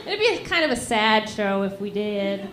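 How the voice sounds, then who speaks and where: A woman's voice: medium pitch, very animated, moderate pace, roomy sound, heavy background noise. A woman in her twenties from Reno and Las Vegas, performing stand-up comedy with brash storytelling and acted-out asides. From Reno and Las Vegas, USA.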